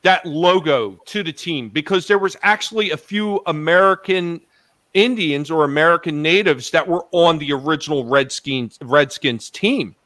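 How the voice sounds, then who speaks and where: A man's voice: fairly high pitch, moderate pace, fairly bright tone, no echo. A man in casual group chat, ranting in a combative, profane way. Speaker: podcast panelist.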